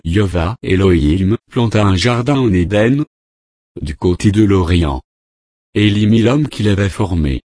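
A man preaching a Bible-study sermon, reading scripture verses and repeating divine names in a steady, measured cadence. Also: lowish voice, dry recording, studio quality.

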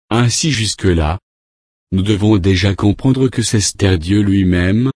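A man preaching a sermon, reading scripture aloud and asking rhetorical questions in a deliberate way. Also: lowish voice, darkish tone, dry recording, studio quality.

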